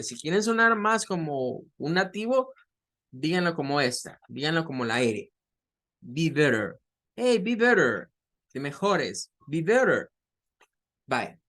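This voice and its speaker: Male teacher, higher voice, patient, repeats himself, slow drawn-out examples. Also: a bit bright. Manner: explains slowly, models English words in drawn-out demonstrations; patient, repeats words and restarts phrases often. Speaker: English teacher. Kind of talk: recorded online lesson.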